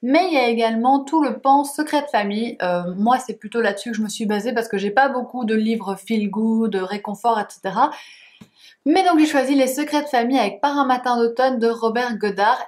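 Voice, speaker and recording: Woman vlogger, chatty home reading-list talk, somewhat high voice, easygoing hesitations. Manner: chatty, self-deprecating, hesitant fillers. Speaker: book vlogger. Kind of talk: casual reading-list vlog. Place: home room.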